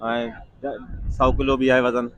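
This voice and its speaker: A man's voice: medium pitch, little pitch movement, slow pace. A man, a seller giving casual haggling answers in short, repeated phrases. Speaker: cattle seller. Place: outdoor livestock market. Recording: slightly muffled, away from the microphone.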